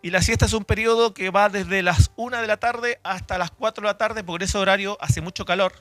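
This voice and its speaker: Man teaching on doctrine, fairly high voice. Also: fairly even intonation, fairly quick, fairly bright tone, no room sound, faint music behind. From Chile, raised in Argentina. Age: 40s. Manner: conversational, with restarts and self-corrections. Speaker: church teacher and apologist. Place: church hall.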